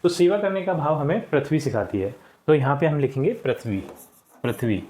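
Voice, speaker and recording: A man teaching a primary school class, patiently going through textbook answers and repeating words slowly for the children. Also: fairly high pitch, animated, mellow. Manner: addresses children often, checks with "ठीक".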